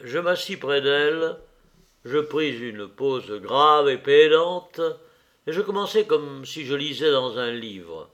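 A man reading a classic novel aloud, playing the first-person narrator's dialogue in an unhurried, theatrical way. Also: medium pitch, expressive, a bit bright. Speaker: reader. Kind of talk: audiobook reading of classic fiction.

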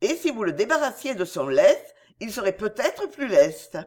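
A woman's voice: mid-range voice, very animated, normal speed, warm tone, breathy edge. A woman reading a storybook and voicing a young courtesan, tender, scheming and coaxing. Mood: teasing. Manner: coaxing, affectionate.

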